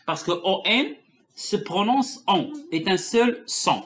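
A woman with a Moroccan accent teaching French to a child, patient, asking questions and repeating sounds slowly. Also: medium pitch, lively intonation. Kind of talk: bilingual language lesson with a child.

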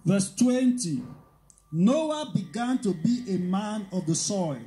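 A man reading Bible verses aloud during a sermon, steady and careful, calling out each verse number. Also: high-pitched, slow pace, poor audio. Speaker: scripture reader.

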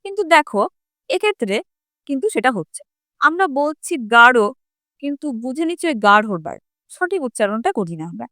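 A woman's voice: high-pitched, sing-song, fast talker, a bit bright, dry recording, studio quality. A woman teacher explaining a grammar lesson step by step, often asking her students questions and then answering them herself.

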